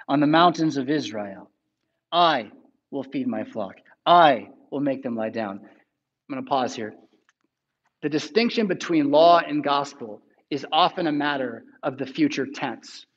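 A man preaches a sermon in a loose, conversational way, breaking up his scripture reading with quick "right?" asides. His voice sits high for a man. The recording sounds dull and lo-fi. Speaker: pastor.

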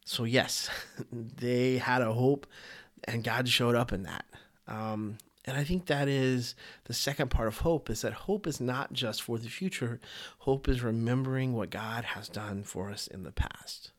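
Earnest, halting man on a faith podcast. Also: medium pitch. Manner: earnest, halting, with many restarts and repeated words. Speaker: podcast host. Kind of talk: casual faith podcast talk.

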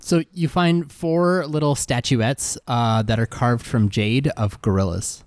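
A man running a tabletop game as game master, describing scenes with many fillers and pauses. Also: mid-range voice, dry recording, studio quality. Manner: hesitant, filler-heavy describing.

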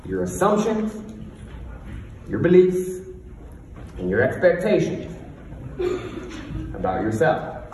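A man's voice: on the high side, very animated, takes it slowly, long pauses, a little mellow. A man giving a confident, emphatic motivational talk on stage, with a lisp that turns his R's into W's. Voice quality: lisp, cannot say R's, says w for r. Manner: emphatic, confident delivery with rhetorical questions. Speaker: motivational speaker, coach. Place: stage in a large echoing room before an audience. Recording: echoey hall from far off, faint noise.

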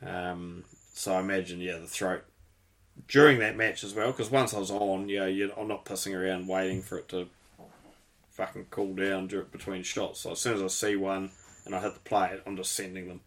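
Deep-voiced man in casual chat. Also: little pitch movement, moderate pace, a bit bright. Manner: rambling, technical, swears casually.

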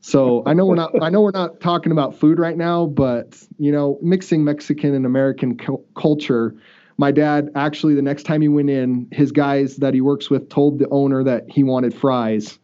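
A man's voice: medium pitch, steady tone, moderate pace. A man hosting a casual podcast chat, rambling and chatty with many restarts. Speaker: podcast host. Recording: dull lo-fi audio.

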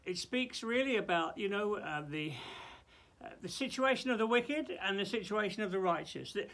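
Creaky-voiced male preacher up in a loft. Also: sits high, lively intonation, fairly bright tone. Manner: halting and exclamatory, repeating himself. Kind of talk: informal Bible teaching with prayer.

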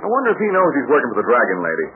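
A tough, wry adventurer in a 1940s radio serial. He talks fast and sure in a mid-range voice, through a tinny, noisy old broadcast. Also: medium pitch, huge pitch swings. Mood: wry, confident. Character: tough, confident, wry grown male adventurer.

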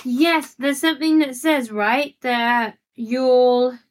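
A woman co-hosting a casual book podcast, animated and laughing often as she acts out lines. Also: high-pitched, slow. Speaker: podcast co-host.

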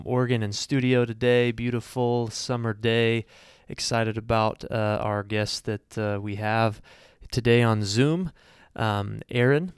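Male podcast host, thirties, low and very clear, casual and filler-heavy. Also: no room sound, clean studio sound. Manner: relaxed, filler-heavy, friendly. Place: studio.

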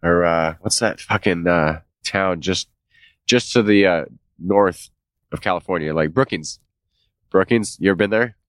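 Speaking a little slowly in a low voice, a podcast co-host sounds stuffy and nasal from a cold. His casual chat is relaxed and meandering, full of offhand swearing and frequent laughter. The recording has no echo.

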